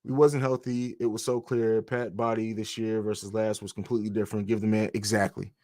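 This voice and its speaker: A man's voice: fairly low pitch, level tone, fairly quick, a little mellow, no room sound, studio quality. A man hosting a basketball podcast, talking casually and bluntly, rambling with restarts. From grew up in Germany on a US military base. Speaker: podcast host. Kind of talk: casual sports podcast talk, reading chat.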